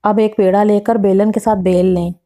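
Woman, cooking-channel host voicing over a recipe, methodical step-by-step delivery. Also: medium pitch. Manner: steady step-by-step instructions with measured quantities.

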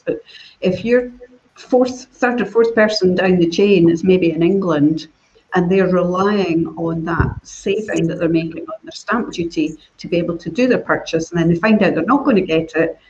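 A woman's voice: lowish voice, darkish tone, dull audio. A woman, a property panelist, explaining things step by step in a casual discussion, her voice sounding hollow as if in a cave. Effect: hollow, cave-like echo on her voice.

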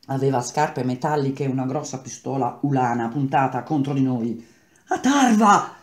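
A man reads a novel aloud in an even, measured way. His voice sits at a middle pitch. The room around him sounds echoey. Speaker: reader. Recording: roomy echo.

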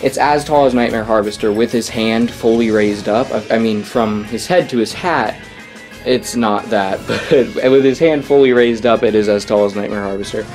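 A man's voice: fairly low pitch, normal speed, darkish tone, soft background music. A young man casually reviewing a Halloween prop in his bedroom, enthusiastic and rambling, correcting himself as he goes.

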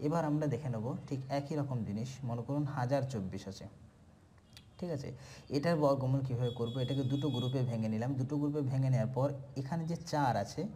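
A man teaching a maths shortcut, counting through sums aloud in steady lists and answering his own questions. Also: mid-range voice, fast talker, a little hiss or hum. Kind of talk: step-by-step maths lesson.

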